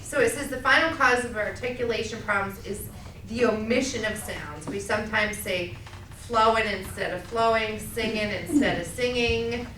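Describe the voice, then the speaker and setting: A middle-aged woman with a Massachusetts accent teaching a speech class, loud and projecting, checking in with "okay?" as she goes. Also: fairly high pitch, moderate pace, far from the mic, slight background noise. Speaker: college speech instructor. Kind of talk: classroom lecture. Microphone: camera at a distance. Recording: echoey classroom recorded from afar.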